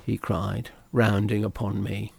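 A man reading a classic sea story aloud in measured, scripted narration. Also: on the low side, monotone, gravelly, a little mellow, a little hiss or hum. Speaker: audiobook narrator.

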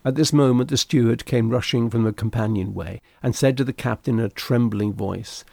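Brief: male narrator, measured storytelling, gravelly texture, dry close sound. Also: mid-range voice, warm tone, dry recording. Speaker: audiobook narrator. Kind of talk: scripted narration of a classic sea novel.

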